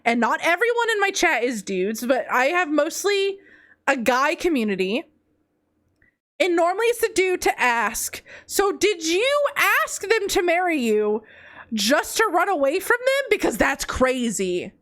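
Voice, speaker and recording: Her tone is sing-song, unhurried and fairly bright as she reads confessions from her chat on a relaxed stream. The stuffy-nosed streamer teases playfully, laughs often and jumps from squeals down to mutters.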